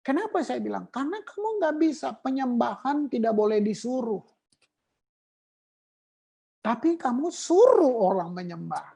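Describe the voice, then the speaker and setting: A woman preaching a sermon on worship, emphatic and animated, mixing in English terms. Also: on the high side, moderate pace, creaky, pauses often, slightly rough.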